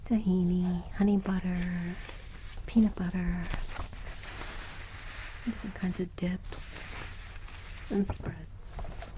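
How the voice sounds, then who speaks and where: Casting: woman for soft ASMR, mostly whispered, very unhurried, over audible background noise. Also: on the low side, flat delivery, low-quality recording. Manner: slow, hushed, murmuring commentary while reading items aloud. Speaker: ASMR video host. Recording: close recording with clear background noise.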